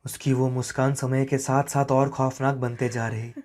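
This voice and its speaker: A man narrating a horror story in a slow, suspenseful way that often sinks to a hush. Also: medium pitch, level tone.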